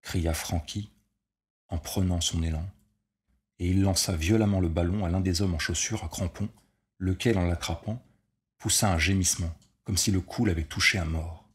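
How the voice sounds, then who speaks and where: A man narrating a short story as an audiobook reader, measured and steady. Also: low voice.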